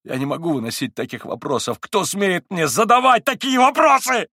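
A man voicing a feverish, tormented young man in an audiobook, husky and agitated, rising into anguished outbursts. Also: sits high, sing-song, moderate pace, sharp tone, no room sound, clean studio sound, voice pushed up, exaggerated voice. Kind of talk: audiobook character reading.

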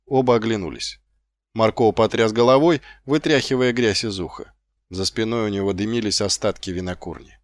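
A man narrating an audiobook in measured, expressive storytelling. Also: lowish voice, no echo, clean studio sound.

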